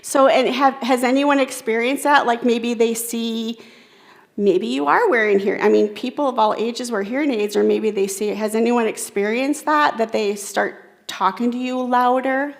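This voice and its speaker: Gravelly-voiced woman giving an engaging keynote. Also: on the high side, fairly even intonation, normal speed. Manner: engaging, repeats audience comments back. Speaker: keynote speaker. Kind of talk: interactive talk with audience.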